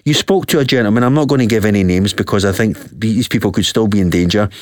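A man's voice: lowish voice, darkish tone, no echo, studio quality. A man hosting a radio interview show, talking earnestly and with emphasis. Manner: earnest, emphatic, reads quotes aloud slowly. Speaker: talk show host.

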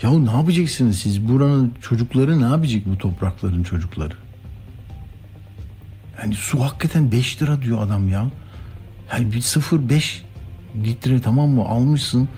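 A man's voice: medium pitch, expressive, moderate pace, mellow, faint music behind. A man hosting a news show, giving informal, rambling conversational commentary.

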